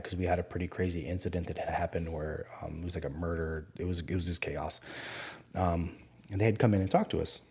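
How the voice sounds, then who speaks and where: Husky, low-voiced man telling his story. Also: a little mellow. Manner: candid, profane, self-reflective with frequent fillers. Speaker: podcast host. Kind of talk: casual personal storytelling.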